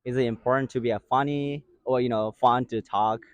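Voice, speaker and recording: A man interviewing people casually, with frequent murmured agreement and animated questions. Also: medium pitch, a little fast, dull audio, slight background noise. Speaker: street interviewer.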